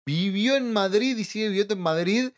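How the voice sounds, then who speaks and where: A man's voice: sits high, fairly quick. A man with an Argentine Rioplatense accent, a podcast guest who talks hesitantly and repeats words while he thinks. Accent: Argentine Rioplatense Spanish. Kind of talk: casual chat.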